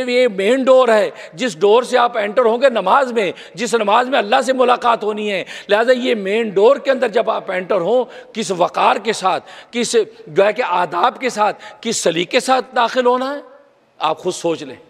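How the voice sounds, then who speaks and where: A man, a mufti, preaching an expressive sermon. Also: sits high, moderate pace, gravelly. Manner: expressive, mimics skeptics' voices when quoting them. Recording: long hall reverb.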